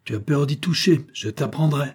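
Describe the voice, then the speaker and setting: A man's voice: a little high, normal speed, a little mellow, breathy edge, voice pushed up. A man voicing a stern, angry older army colonel who barks harsh commands in a story reading. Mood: wrathful.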